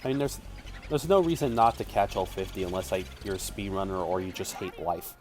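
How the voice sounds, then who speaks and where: A man's voice: sits low, animated, brisk. A man chatting about a video game with friends, matter-of-fact and informative. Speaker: let's play commentator. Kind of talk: casual gaming commentary.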